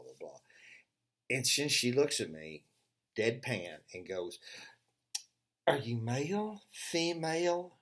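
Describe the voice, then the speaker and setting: An older man telling funny stories in a casual, rambling monologue, full of "uh" fillers and restarts, sarcastically acting out both sides of a conversation. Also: fairly low pitch. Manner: sarcastic storyteller who acts out both sides of a dialogue. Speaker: vlogger.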